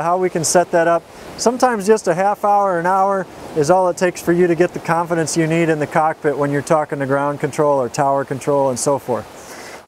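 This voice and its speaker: Outdoors, a male flight instructor with a high-sitting voice gives an informal, straightforward tutorial, explaining things step by step in a folksy way. There's a little hiss or hum in the audio.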